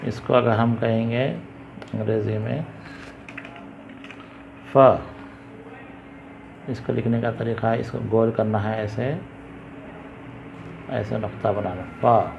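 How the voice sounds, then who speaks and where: A man with a gravelly voice teaches letters at a slow, patient pace, calling each sound out several times. The recording is dull and lo-fi, with a faint hiss behind him. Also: lowish voice, steady tone. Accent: Indian Urdu. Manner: patient, repeats each sound loudly and slowly. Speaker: Urdu teacher.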